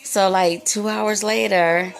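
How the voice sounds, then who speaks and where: A woman's voice: mid-range voice, fairly even intonation, slow pace, creaky, faint music behind. A young woman casually retelling a personal story for her vlog, rambling and padding her sentences with "like" and "you know.". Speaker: vlogger telling a personal story.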